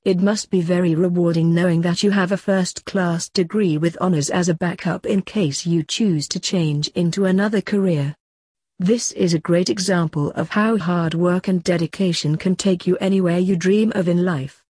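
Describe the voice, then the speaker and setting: A woman's voice: on the low side, steady tone, normal speed, a little mellow, husky, no room sound. A woman reading a scripted article in a formal, word-for-word narration.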